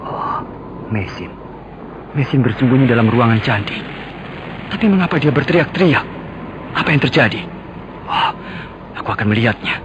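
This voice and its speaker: A man's voice: medium pitch, moderate pace, pauses often, lo-fi sound, lightly acted. A man playing an earnest young warrior hero in an Indonesian radio drama, pleading in a theatrical way. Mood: puzzled, musing. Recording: noisy old radio drama recording.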